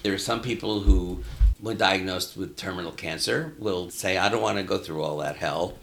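Gravelly low-voiced man, measured. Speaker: elder care consultant. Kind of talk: casual interview chat.

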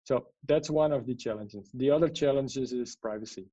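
A Dutch AI strategist and author, a man with a warm mid-range voice, gives long interview answers at normal speed, full of fillers and checking "yeah?" questions. The recording is dry with no room sound, and the highs are cut off.

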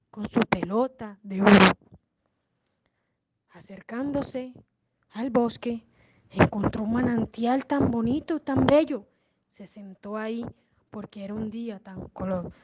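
A woman telling a fairy tale in an expressive storytelling style, with sudden loud and soft turns. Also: a little high. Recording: noisy home recording.

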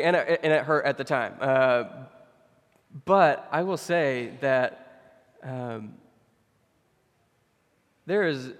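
Young male pastor, loose and conversational preaching, middle-pitched voice, hall reverb. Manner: conversational, many fillers, animated when telling stories. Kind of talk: sermon.

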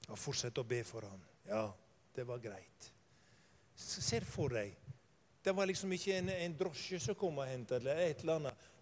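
An older man preaching a sermon, telling stories and swinging from quiet asides to loud, fervent emphasis. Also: mid-range voice, lively intonation.

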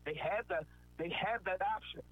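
Guy preaching motivation, kinda high voice, tinny phone line w a bit of hiss. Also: moderate pace. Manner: earnest, preachy, repetitive emphasis. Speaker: motivational speaker. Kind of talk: motivational talk.

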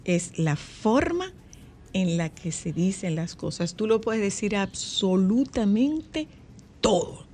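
An older woman, co-hosting a radio talk show, emphatic and repeating words for stress. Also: lowish voice. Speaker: co-host.

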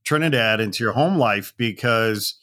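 A man's voice: lowish voice, normal speed, bright, forceful tone. Curious male podcast host. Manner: conversational, curious, follows up on the guest's answers. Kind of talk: interview questions.

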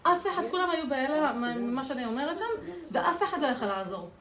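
A woman, a mother, telling a story in casual conversation, lively and laughing as she talks. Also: sits high. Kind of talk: casual chat, anecdote. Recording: echoey room, noisy crowd.

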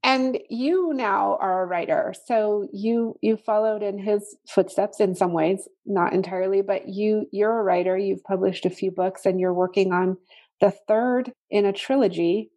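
Middle-aged lady host, gentle prompting, steady mid voice. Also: medium pitch, measured pace. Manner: warm prompting, hesitant restarts. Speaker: podcast host. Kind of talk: interview and ad read.

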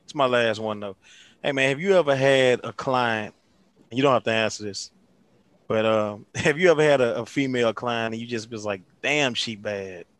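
Man, host, casual chat, slangy, relaxed, dry sound. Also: medium pitch, brisk, no echo. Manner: laid-back, slangy.

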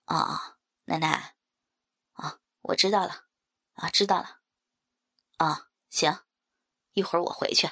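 A woman's voice: low voice, fairly even intonation, slow, vocal fry, long pauses, sharp tone, no room sound, studio quality, pitched below the performer's own voice, exaggerated voice. Woman doing a sulky, bored young man. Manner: listless, grumbling, dismissive.

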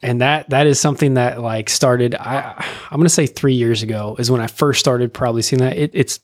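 A man's voice: medium pitch, steady tone, brisk. A man hosting a podcast interview, chatty and asking curious questions in a casual way. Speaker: podcast host.

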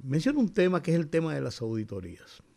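A man discussing news on a panel, deliberately, restating phrases for emphasis. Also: a little high, big pitch swings, creaky, darkish tone.

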